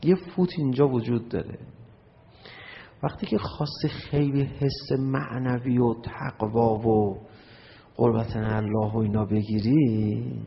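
A man's voice: medium pitch, fairly even intonation, vocal fry, slight background noise. A man preaching a sermon in a conversational way, acting out his listeners' replies and chanting some phrases. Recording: muffled recording in a reverberant hall.

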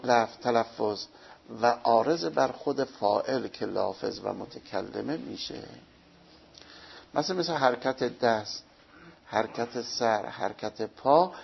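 A man's voice: mid-range voice, vocal fry, a little hiss or hum. A man teaching a seminary lecture, explaining step by step and posing questions he answers himself. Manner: explains slowly, asks and answers his own questions. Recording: dull lo-fi recording.

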